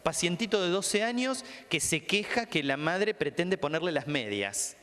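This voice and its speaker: A man's voice: on the high side, moderate pace, big-room sound. A man with a Rioplatense Spanish accent, a psychologist giving a training talk and acting out anecdotes as he tells them. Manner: animated storyteller acting out dialogue. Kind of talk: lecture with anecdotes. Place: lecture hall.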